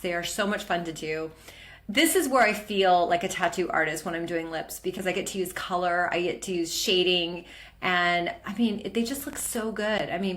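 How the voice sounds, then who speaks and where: Enthusiastic chatty woman with a low voice. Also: a bit bright. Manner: enthusiastic, chatty, with frequent fillers. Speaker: permanent makeup trainer. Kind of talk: presenting a training lesson over slides.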